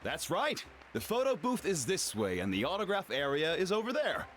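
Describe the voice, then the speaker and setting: A man's voice: high voice, wildly swooping pitch, moderate pace, fairly bright tone, slight background noise, exaggerated voice. A man voicing an eager, courteous young festival herald in a video game, with polite announcer-like enthusiasm. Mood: friendly, eager. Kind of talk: animated video game voice acting. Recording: music behind the voice.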